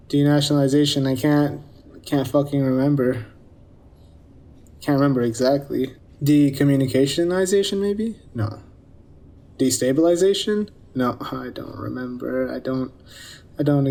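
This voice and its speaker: A man's voice: mid-range voice, fairly even intonation, measured pace, gravelly, pauses often, dark tone. A man being interviewed, answering hesitantly, unsure and evasive.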